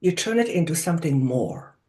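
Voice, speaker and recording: A person acting as a medium channels a wise collective of spirit guides in a seance, speaking deliberately and oracularly with solemn instruction, drawing out key words and asking rhetorical questions. The natural, mid-range voice is animated and a little mellow. The mood feels solemn and assured.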